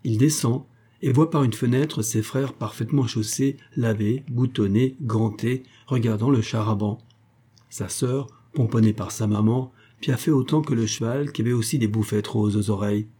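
Give me a husky-voiced man narrating a children's tale, measured and expressive. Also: medium pitch. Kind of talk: scripted narration of a children's story.

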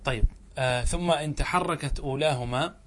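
A sheikh gives a grammar lesson in a fairly high voice for a man. He works through each rule slowly, asks his listeners questions and answers them himself, and draws out each example word syllable by syllable. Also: a bit bright, slight background noise. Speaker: sheikh teaching Arabic grammar. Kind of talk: classroom lesson explaining a grammar text.

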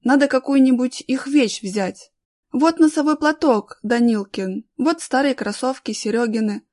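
A woman reading a frightened adult beggar woman, gasping out anxious, high exclamations. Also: unhurried, a little mellow.

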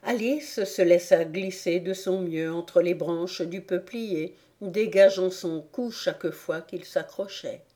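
A woman reading a classic storybook aloud as narrator. Her delivery is calm, measured and very slow, with a mellow, soft-edged tone. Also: lowish voice. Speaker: audiobook narrator. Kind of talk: scripted narration of a classic novel.

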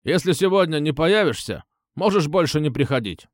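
A man voicing a gruff, irritable police officer who barks curt replies. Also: a little high, expressive, moderate pace, no echo, clean studio sound, voice pushed up, lightly acted. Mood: irritated. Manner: curt, barking.

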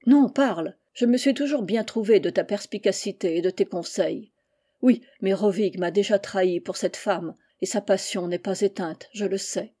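A woman's voice: mid-range voice, normal speed, mellow, breathy edge, close to an everyday voice. A woman voicing a suspicious, fearful king in a storybook reading, firm and emphatic. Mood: stern. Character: suspicious, frightened old king.

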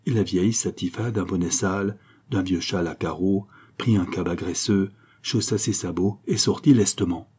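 A man narrating a novel in a steady, measured way. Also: low voice, breathy edge. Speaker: audiobook narrator. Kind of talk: reading a novel aloud.

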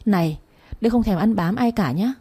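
A woman's voice: medium pitch, animated, dark tone, husky, no room sound. A woman voicing an idle, defiant young woman snapping back at her family, in a storybook reading. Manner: indignant, quick.

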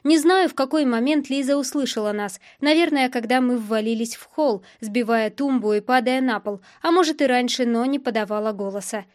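A woman reading a first-person novel aloud as an audiobook narrator, in steady, plain storytelling. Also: on the high side, fairly quick, hardly any pauses.

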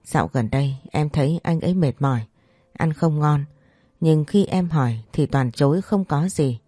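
Woman reading as scared young pregnant wife, low dark voice, begging for answers. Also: normal speed, dry recording, clean studio sound. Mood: anxious. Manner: pleading, anxious questions.

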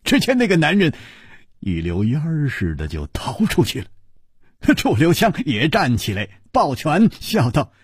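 A male storyteller narrating a martial arts tale in a lively, dramatic way. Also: on the high side, measured pace, breathy edge, no room sound, studio quality.

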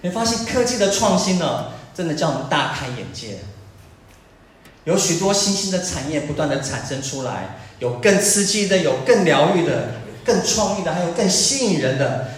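A male pastor preaching a sermon, earnest and questioning, moving between calm talk and emphatic passages. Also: on the high side, normal speed. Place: church sanctuary. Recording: echoey church hall, distant mic.

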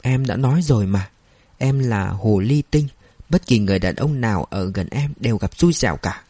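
An anxious young mother, as a male narrator puts her on, pleading in a soft, lifted voice. The tone stays dark and husky underneath, read close and dry like a storybook. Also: on the low side, expressive, normal speed, no room sound. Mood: sad. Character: young woman, anxious, self-blaming mother.

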